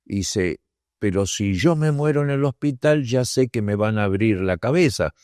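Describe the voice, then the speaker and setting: An older man, a guest telling a long personal anecdote and acting out the quoted dialogue between pauses. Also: on the low side, expressive, a little mellow, clean tone, no room sound, clean studio sound. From Argentina. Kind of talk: reflective anecdote storytelling.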